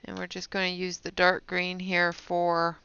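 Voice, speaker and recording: Fairly low and sharp, clear and resonant, her delivery completely flat at a measured pace, a woman hosts a live coloring tutorial and chats with viewers step by step. She sounds stuffy and sniffly from a sinus infection, captured in dull, dry lo-fi audio.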